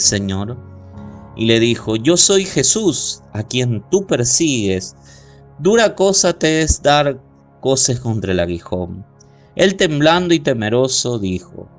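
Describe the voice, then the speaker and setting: A man preaching a sermon as pastor, slowly and deliberately, stretching out key words and reading scripture aloud. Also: medium pitch.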